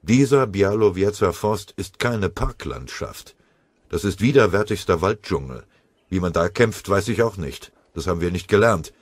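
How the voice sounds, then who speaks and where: A man voicing a blunt, crude company commander giving his men a loud warning. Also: low voice, expressive, moderate pace, dry recording.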